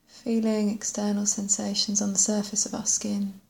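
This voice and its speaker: A woman leading a guided body scan meditation in a gentle, unhurried way, leaving long pauses and letting phrase ends trail off softly. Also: medium pitch, monotone, vocal fry.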